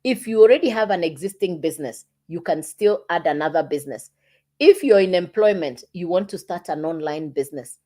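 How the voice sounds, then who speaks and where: A woman's voice: mid-range voice, mellow. A woman selling an online business on a livestream, talking straight to viewers and repeating herself to coax them. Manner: repetitive, coaxing, addresses viewers directly. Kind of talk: casual livestream pitch.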